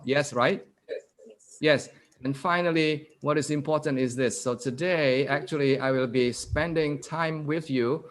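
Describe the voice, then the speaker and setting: A male guest lecturer giving an interactive online lecture over a video call. He quizzes his audience and reads statements out slowly, repeating them. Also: on the high side.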